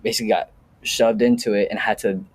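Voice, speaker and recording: A man's voice: lowish voice, steady tone, fast talker, over a noisy crowd. A young man chatting casually as a podcast guest, rambling with lots of restarts and fillers. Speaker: podcast guest, new real estate agent. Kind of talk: casual chat.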